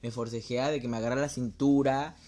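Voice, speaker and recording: A young Mexican man spinning a story in loose, slang-heavy chat. His pitch sits in an ordinary middle range. He jumps into voices for the people in his story. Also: brisk. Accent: Mexican Spanish. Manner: slangy, animated, acts out quoted lines.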